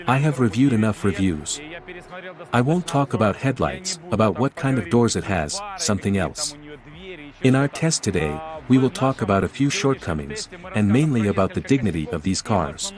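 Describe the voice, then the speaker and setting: Very animated and speaking at normal speed in a lowish voice, a Ukrainian man hosts an outdoor car review walkaround while a crowd murmurs in the background. He circles the cars, questions the owner and guides viewers, whom he calls "guys."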